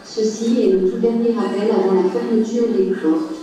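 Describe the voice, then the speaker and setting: Airport pa announcement, woman, mellow dark voice, really echoey and far off. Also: mid-range voice, fairly even intonation, lo-fi sound. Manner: measured, formal announcer delivery. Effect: over an airport PA system. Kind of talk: formal boarding announcement. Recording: echoey loudspeaker sound, heard from afar.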